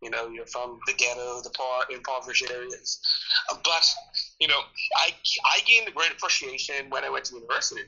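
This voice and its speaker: A Bahamian man who works for the tourism ministry answers interview questions in a casual, expressive way, often repeating phrases for emphasis. His medium-pitched voice is sharp and fairly quick, and the audio sounds dull.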